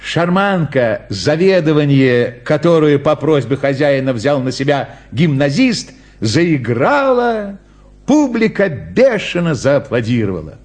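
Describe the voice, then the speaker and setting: A man narrating a story with lively, expressive storytelling. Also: fairly high pitch, measured pace. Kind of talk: storybook reading.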